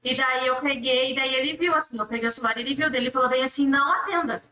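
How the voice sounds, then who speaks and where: A Brazilian woman testifying in court, her voice high and bright as she rushes through a long rambling account. She ties her clauses together with the same fillers over and over. The recording sounds echoey, picked up from a distance in a courtroom. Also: fairly even intonation. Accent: Brazilian Portuguese. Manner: rambling retelling, strings clauses with repeated fillers. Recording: echoey room, mic at a distance.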